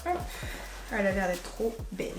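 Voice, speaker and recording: Over music in a roomy-sounding space, a woman vlogger with a cold talks through a casual try-on haul at normal speed. Her mid-range voice swings widely in pitch as she unboxes clothes, rambles, and corrects herself.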